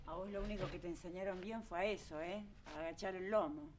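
A woman's voice: fairly low pitch, quick pace, noisy background, close to an everyday voice. An actress playing a fiery working-class mother, a former factory girl, speaking with a Rioplatense accent and often near tears. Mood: bitter. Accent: Rioplatense Spanish. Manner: emotional, exclaiming, voice breaking into tears. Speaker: actress in TV drama. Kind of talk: 1970s TV drama acting.

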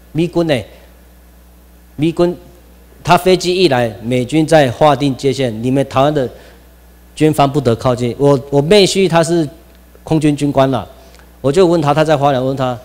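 A man's voice: fairly high pitch, a little slow, long pauses, darkish tone, big-room sound. A man with a Taiwanese Mandarin accent giving an informal classroom lecture, rambling with frequent restarts and exclamations.

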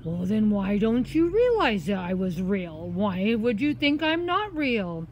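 A woman's voice: medium pitch, big pitch swings, measured pace, highs cut off. A woman voicing a big, boastful, teasing Cheshire Cat in a children's story, full of emphatic questions. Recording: outdoor ambient noise, faint.

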